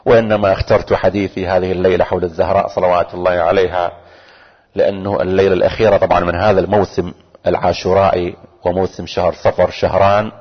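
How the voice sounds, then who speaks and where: Fast, husky preacher in a reverberant hall. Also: male voice, flat delivery. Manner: rising to fervent, chanting high pitch on salutations; addresses listeners directly, repeats phrases for emphasis. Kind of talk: religious sermon. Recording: lo-fi recording with long hall reverb.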